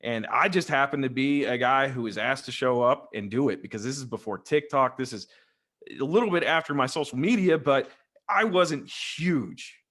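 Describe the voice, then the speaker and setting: A chatty, rambling and jokey man from West Texas, a Freemason appearing as a guest, tells stories in a casual interview over a video call with a desk microphone. His voice is medium-pitched and a bit bright, at a normal speed.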